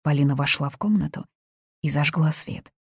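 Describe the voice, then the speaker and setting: A woman narrating a novel aloud in a measured, even reading. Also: deep voice, gravelly, breathy edge, no echo, studio quality. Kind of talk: audiobook narration.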